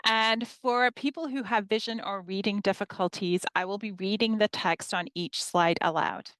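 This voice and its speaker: A history professor in her fifties from northern England gives a measured workshop presentation to educators, reading her slides aloud. Her voice is medium-pitched and fairly bright, and the dry recording has poor audio quality.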